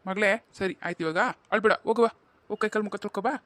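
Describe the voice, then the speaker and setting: A man voicing a gentle village father in a cartoon, coaxing his little daughter softly. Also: sits high, fairly even intonation, very fast, no echo. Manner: soft, coaxing.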